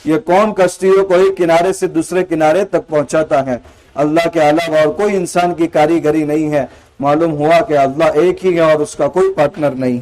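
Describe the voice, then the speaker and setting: A fairly high-voiced man teaches a Quran commentary lesson in an earnest, explanatory way. He recites scripture lines between his explanations and leans on rhetorical questions to press each point home. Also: darkish tone, rough recording. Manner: earnest explaining, weaving in recited Arabic verses.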